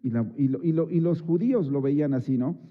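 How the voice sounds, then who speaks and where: A man's voice: a little high, fairly quick, narrow, tinny audio. A man preaching a Sunday sermon in a chatty way, with many fillers and rhetorical asides to the congregation. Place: church service.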